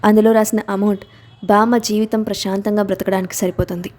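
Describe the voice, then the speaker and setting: A woman reading an audiobook aloud and voicing a protective, commanding young husband a little lower than her narration, with no big change of voice. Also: level tone, a little fast, darkish tone, close to an everyday voice. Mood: tender.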